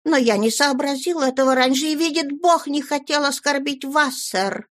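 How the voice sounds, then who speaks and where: A woman's voice: sits high, moderate pace, voice pushed up, close to an everyday voice. A woman voicing a timid, humble young man who pleads earnestly and keeps saying sir.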